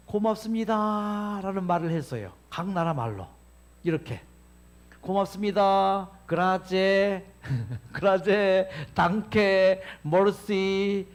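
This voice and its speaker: Male health lecturer, high voice with big swings, rhetorical questions to the room. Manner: animated, asks the audience questions and answers himself.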